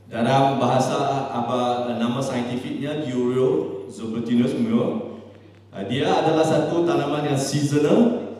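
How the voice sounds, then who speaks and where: A man's voice: medium pitch, a little mellow. A man with a Malaysian accent gives a seminar talk, moving between Malay, Indonesian and English and dropping "ya" after his points. He sounds set back from the microphone. The hall around him rings with a long, heavy echo. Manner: mixes Malay, Indonesian and English, frequent "ya" tags. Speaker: seminar speaker. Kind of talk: conference presentation. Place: large hall. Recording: echoey hall from far off.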